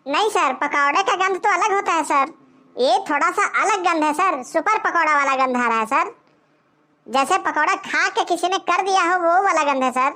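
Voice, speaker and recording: A woman voicing a silly young male cartoon waiter who talks slowly and politely. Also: extremely high pitch, pushed and bright. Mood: drawling. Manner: slow, drawling and polite. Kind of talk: cartoon voice acting.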